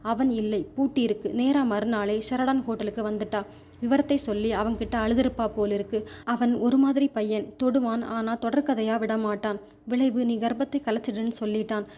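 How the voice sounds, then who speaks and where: A woman's voice: a little high, fairly even intonation, normal speed, warm tone, muffled recording, close to an everyday voice. A woman voicing a smug, scheming young man in a storybook reading, cool and taunting. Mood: accusing.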